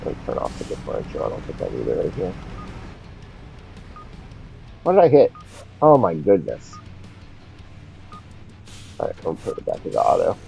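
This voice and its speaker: A man's voice: sits low, huge pitch swings, fairly quick, gravelly, pauses often, warm tone, faint music behind. A man streaming a game live, rambling and talking to himself as he plays. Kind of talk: casual live gameplay commentary. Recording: dull lo-fi stream audio.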